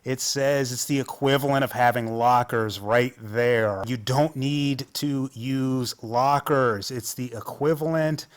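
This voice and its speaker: A man's voice: medium pitch, fairly even intonation, takes it slowly, hardly any pauses. An American man, host of an off-road channel, giving casual, enthusiastic and self-mocking commentary over trail footage. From United States.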